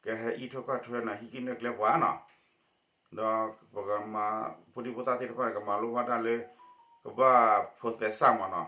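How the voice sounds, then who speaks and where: A man delivers a news report in a bright, forceful voice with a steady pace. The sound is muffled and lo-fi, and it carries a noticeable room echo. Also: mid-range voice, a little fast. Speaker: news presenter. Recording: echoey dull lo-fi recording.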